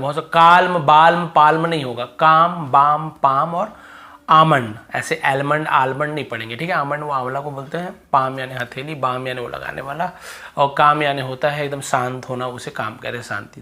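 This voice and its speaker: A man's voice: on the high side, sharp tone. Hindi-accented man teaching English pronunciation. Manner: repeats example words slowly, checks understanding with questions. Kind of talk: explaining silent-letter rules.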